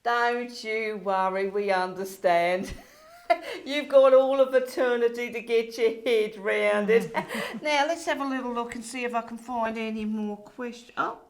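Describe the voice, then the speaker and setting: A woman's voice: fairly high pitch, a little slow. A woman acting a bubbly, bossy Saint Peter in a comic play, theatrical, emphatic and giggly. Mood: chirpy.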